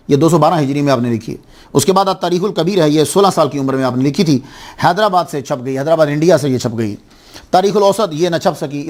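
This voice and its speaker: A man preaching a sermon, passionate, asking his listeners questions and rising to loud exclaims. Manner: impassioned, rising to high exclaims, addresses audience with questions. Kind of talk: Urdu religious sermon.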